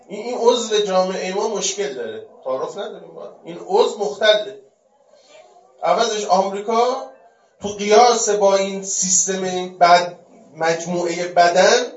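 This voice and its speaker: A man with a high voice preaches a religious lecture. He fires off rhetorical questions and swings between forceful and hushed delivery. He is heard from a distance in a roomy, echoey space, and the recording sounds dull. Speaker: religious speaker.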